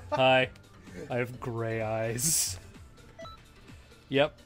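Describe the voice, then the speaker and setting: A man co-hosting a let's play, chatting casually and playfully while building a game character. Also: medium pitch. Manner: enthusiastic, playful commentary on character creation. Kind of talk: casual gameplay chat on a live stream.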